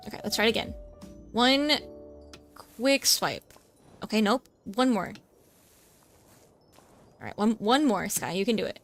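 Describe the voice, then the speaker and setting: A woman's voice: medium pitch, expressive, measured pace, long pauses, a bit bright, soft background music. A woman VTuber chatting casually while playing a game, flustered and chatty, tacking a cutesy "nya" onto her lines. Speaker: VTuber streamer. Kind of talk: casual gameplay streaming chat.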